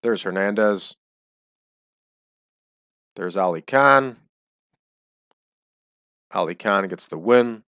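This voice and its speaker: A man hosts a casual game playthrough from a small home room, chatting and explaining his choices. He speaks slowly with frequent pauses in a lowish, smooth, fairly bright voice with no echo, though the home's air leaves it a little off and dry.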